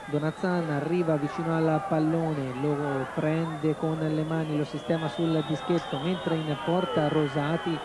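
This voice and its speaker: A man giving live Italian football commentary on television, measured in the build-up and excited in his goal calls. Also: fairly high pitch. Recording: clear outdoor stadium noise. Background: stadium ambience.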